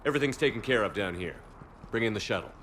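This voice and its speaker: Low, terse military commander. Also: male voice, lively intonation, fast, a bit bright, a little hiss or hum. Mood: steady. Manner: direct, terse. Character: firm, decisive male military commander. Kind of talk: dramatic video game acting.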